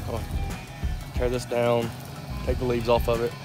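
Talking while he fishes, a young man narrates a casual outdoor vlog into a phone held at arm's length, moving between a boat on the lake and a wooded bank. He is easygoing and chatty, though his medium-pitched voice is monotone at a normal speed, with music playing underneath.

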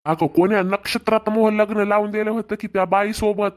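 A man voicing a scheming, two-timing husband who placates his wife and flatters his girlfriend, with a Marathwada Marathi accent. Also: high voice, a little fast, lightly acted. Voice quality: smooth-talking, placating.

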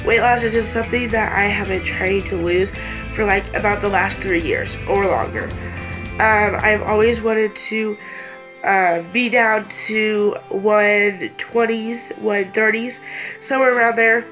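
Music plays behind a late-teen woman, nearly 18, as she rambles casually and hesitantly to her vlog camera in a small bedroom, easily losing focus. Her sinuses sound congested, and her mid-range voice stays steady at a measured pace despite the poor audio.

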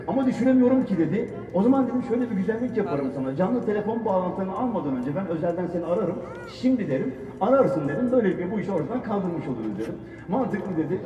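A man telling comic stories on stage and acting out quoted voices. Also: high voice. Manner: animated, acts out quoted voices. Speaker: stand-up storyteller, radio presenter. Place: event hall. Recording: echoey hall, far from the mic, dull sound.

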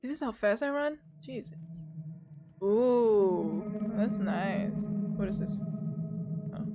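A woman giving casual, reactive gameplay commentary as a streamer, excitable and slangy, often exclaiming. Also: medium pitch, slow, over music. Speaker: game streamer.

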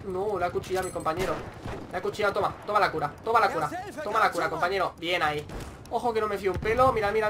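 A young man with a Spain Spanish accent giving excitable gameplay commentary, repeating phrases in quick bursts. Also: high-pitched, a little hiss or hum. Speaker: gaming YouTuber.

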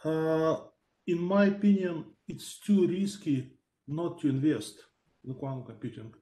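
A man's voice: a little high, unhurried, mellow, echoey room, low-quality recording. A man, a researcher on a panel over a video call, talking thoughtfully with many fillers and hedges.

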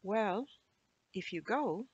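A woman reading aloud in a high, childlike voice as a little girl at Christmas in a children's storybook. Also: animated, slow, slightly rough, no room sound, muffled recording. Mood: pleading.

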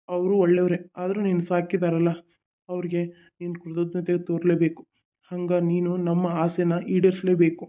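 Brief: a man playing a vengeful father's spirit; flat, high voice, tinny recording. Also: natural voice. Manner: solemn, steady urging.

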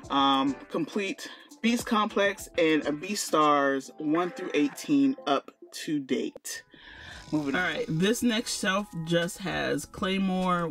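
A man's voice: fairly high pitch, a bit bright. Chatty man touring his manga shelves. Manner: chatty, self-correcting, laughs at himself, addresses viewers as y'all. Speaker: manga collector vlogger. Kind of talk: casual collection tour. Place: home room with shelves.

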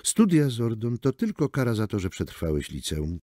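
Here a man with a lowish, dark voice plays the same brusque, mocking woman lawyer for an audiobook, pitching above his own natural voice. He is very animated at normal speed, recorded cleanly in a studio with no room sound.

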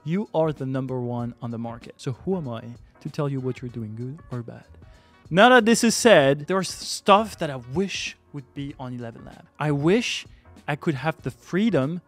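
A man's voice: mid-range voice, expressive, moderate pace, soft background music. A man hosting a tech video, talking casually and teasingly to friends and to camera.

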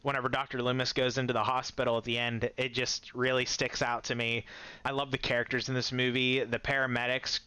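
A man's voice: medium pitch, little pitch movement, fairly quick, sharp tone, a little hiss or hum. A man giving a casual, enthusiastic movie-ranking commentary, chuckling often and rambling with restarts. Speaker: movie reviewer.

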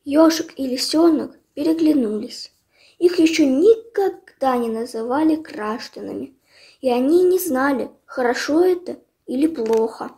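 A woman reading a children's fairy tale aloud in calm storybook narration. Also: sits high, unhurried.

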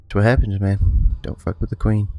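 A man's voice: lowish voice, level tone, moderate pace, vocal fry, narrow, tinny audio. A man giving casual commentary on his own fighting game play, joking, swearing and taunting the characters on screen. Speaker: let's play host. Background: faint game music.

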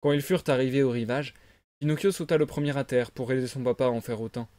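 A man reading a children's classic aloud in a calm, expressive narration. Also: mid-range voice, fast, no echo. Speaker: lecteur. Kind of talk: lecture de conte en direct.

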